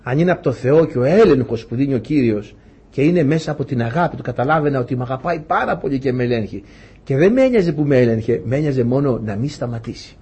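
A man's voice: medium pitch, expressive, dark tone, slightly rough. A man preaching a sermon to his congregation, emphatic, with fervent repeated prayers.

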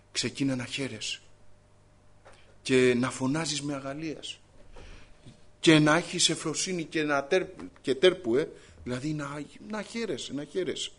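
A man preaching a sermon to his congregation, fervent and exhorting, building to loud emphasis. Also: mid-range voice.

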